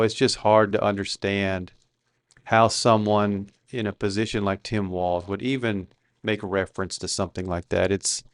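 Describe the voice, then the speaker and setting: Indignant low-voiced male commentator. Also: clear, resonant tone, no echo, clean studio sound. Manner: indignant, with frequent "uh" fillers. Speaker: political commentator. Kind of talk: casual political commentary.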